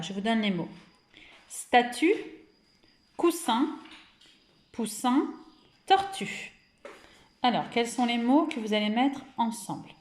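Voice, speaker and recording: Slow, deliberate French teacher in an echoey room. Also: female voice, fairly high pitch. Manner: slow, deliberate, stretches out words and syllables; encouraging, praises often. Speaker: kindergarten teacher. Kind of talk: remote phonics lesson for young children.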